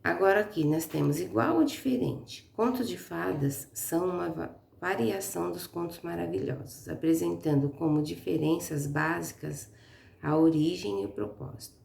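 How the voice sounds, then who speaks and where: A woman's voice: on the low side, normal speed, gravelly, a little mellow. A middle-aged woman with a Brazilian Portuguese accent teaching an online school lesson, patient and explaining step by step. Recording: echoey room with faint noise.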